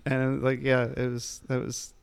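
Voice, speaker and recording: Man, gravelly, mid-pitched, rambling casual storyteller. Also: monotone, moderate pace. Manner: rambling storyteller, laughs often, swears. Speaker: liquor store retailer, guest. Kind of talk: casual podcast chat.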